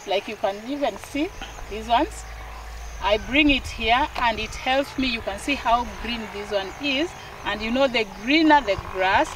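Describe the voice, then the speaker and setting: A middle-aged woman farmer showing her farm outdoors, explaining her methods in a plain, practical, step-by-step way. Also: a little high. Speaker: dairy farmer. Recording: outdoor recording with clear background noise.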